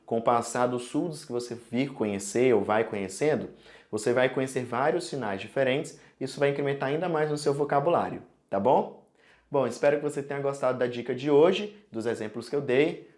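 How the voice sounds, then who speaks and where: A Brazilian-accented man teaching sign language in an online tutorial. His delivery is animated and explanatory, and he keeps checking in with the viewer as he walks through examples. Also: medium pitch. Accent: Brazilian Portuguese.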